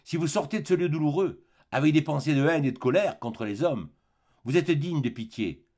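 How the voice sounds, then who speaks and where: A man reading the part of a gentle, kindly old bishop in an audiobook, speaking softly and consolingly. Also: on the high side, normal speed, voice pushed up, close to an everyday voice. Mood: earnest. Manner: soft, warm, consoling.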